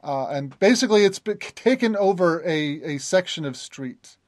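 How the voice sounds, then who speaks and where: A man's voice: fairly high pitch, animated, moderate pace, dry recording, studio quality. A man narrating as game master in a tabletop game, hesitant, with many fillers and restarts.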